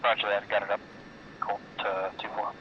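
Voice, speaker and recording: A low-voiced man talks over a crackly walkie-talkie style radio link. His delivery is clipped and procedural, like a military pilot checking in. The sound is muffled, with clear noise throughout. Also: completely flat delivery, normal speed. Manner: clipped, procedural callsign phrasing. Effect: radio transmission.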